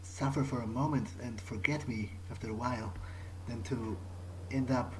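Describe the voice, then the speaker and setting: Role-playing a brooding, guilt-ridden young male vampire, a let's player delivers a hesitant, repetitive improvised monologue over video game ambience. His medium-pitched voice is steady and darkish at a moderate pace, on a low-quality recording with a little hiss or hum.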